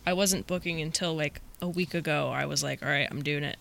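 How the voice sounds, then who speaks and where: Bright young woman, constant "like"s. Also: low voice, steady tone, brisk, vocal fry. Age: 20s. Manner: filler-heavy, lots of "like". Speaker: guest. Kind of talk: casual chat.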